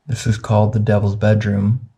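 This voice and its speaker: Low, even-voiced man questioning spirits. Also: moderate pace, vocal fry. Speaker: paranormal investigator. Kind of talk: ghost hunt vlog, questioning spirits. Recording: dull muffled sound, music underneath.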